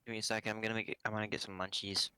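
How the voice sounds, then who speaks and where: A man's voice: on the low side, flat delivery, rapid-fire, sharp tone, smooth, no room sound. A man co-hosting a casual gaming podcast, hesitant and steering away from touchy topics. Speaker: podcast co-host. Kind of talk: casual chat.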